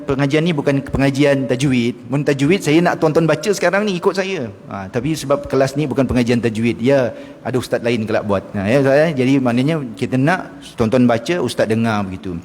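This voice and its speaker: A middle-aged man, a religious teacher giving a mosque lecture on Quranic pronunciation, who slowly chants short verses to demonstrate and then explains them, addressing his listeners directly. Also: mid-range voice, darkish tone. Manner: addresses the audience directly and often. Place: mosque hall. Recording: long mosque hall reverb.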